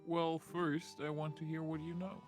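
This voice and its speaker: A man's voice: on the high side, flat delivery, moderate pace, soft background music, lightly acted. A man voicing a prim young prosecutor, formal, condescending and easily exasperated, in a playful game read-aloud. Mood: stiff, formal.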